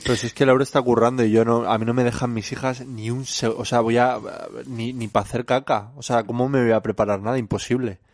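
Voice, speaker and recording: A man's voice: medium pitch, steady tone, fast talker, hardly any pauses, dry recording. A man with a Spanish accent co-hosting a podcast, chatting casually and mocking himself. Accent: Spain. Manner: chatty, self-mocking complaints. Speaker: podcast co-host. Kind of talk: casual chat.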